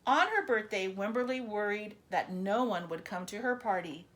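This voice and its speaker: A woman's voice: medium pitch, normal speed, slight background noise. A woman reads a children's picture book expressively, breaking off for chatty asides to her young listeners. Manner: animated storyteller, chatty asides addressed to children.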